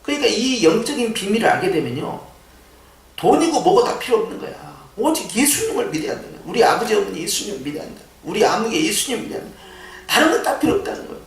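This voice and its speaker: A male pastor preaching a sermon in a church, animated and full of rhetorical questions. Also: high voice, fast, vocal fry. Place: church sanctuary. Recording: echoey church sound from a distance.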